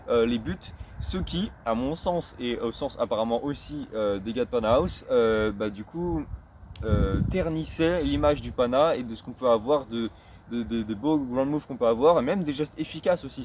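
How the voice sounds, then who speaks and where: A man talks through a topic in an easy vlog manner, pausing often and repeating words as he looks for the right phrasing. His voice sits at an ordinary middle pitch, and he handles English phrases with slow, self-conscious care. A faint noise hums behind him. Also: darkish tone. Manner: hesitant and searching for words, often repeating himself. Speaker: street football vlogger. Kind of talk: casual explanatory vlog.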